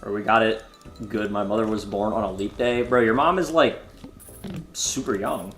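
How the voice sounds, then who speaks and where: A man's voice: on the low side, moderate pace, a bit bright. A man in his twenties streaming a card game, chatting loosely and jokingly with viewers while he plays. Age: 20s. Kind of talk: casual live-stream commentary. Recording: roomy echo, faint music behind.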